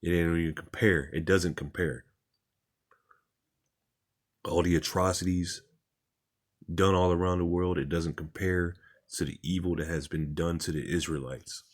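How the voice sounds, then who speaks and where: A man's voice: low voice, steady tone, measured pace, pauses often. A man reading articles aloud and commenting on them in an informal, repetitive, plain-spoken way, as a religious commentator.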